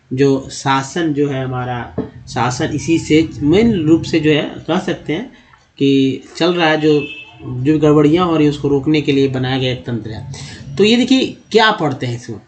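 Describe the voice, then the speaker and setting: A man with a fairly high voice teaching how to read English words. He goes step by step, repeating each word and asking questions before answering them. His tone is that of a patient spoken lesson.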